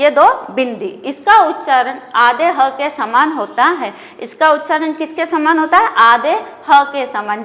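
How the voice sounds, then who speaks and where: Slow, high-voiced woman teaching a class. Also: a bit bright, long reverb tail. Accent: Indian Hindi. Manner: slow and deliberate, repeats questions and answers. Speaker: school teacher. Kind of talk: classroom lesson, asking and answering her own questions.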